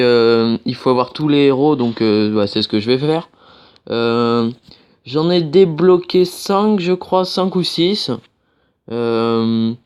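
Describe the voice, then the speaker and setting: Young man, gameplay commentary, hesitant, full of fillers, slightly high, smooth voice. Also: darkish tone. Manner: hesitant, many fillers and restarts. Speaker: gameplay video host.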